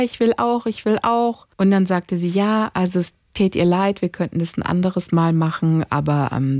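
A woman in her thirties chatting casually and telling stories about her children, acting out their quotes with animated emotion. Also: on the low side, dry recording, studio quality. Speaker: podcast co-host, mother. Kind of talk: casual chat, storytelling.

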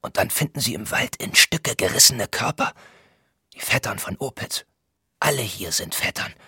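Man voicing a sick young male student, breathy whisper, bright thin tone, weak and uneasy. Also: lowish voice, lively intonation, normal speed, no echo, studio quality, pitched above the performer's own voice, exaggerated voice. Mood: ominous. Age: young adult. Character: sickly feverish young male art student.

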